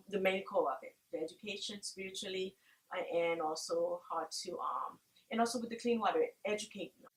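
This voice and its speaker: A Haitian woman who founded a charity answers interview questions earnestly, halting often and using many fillers. Her voice sits at a medium pitch, and the room is echoey.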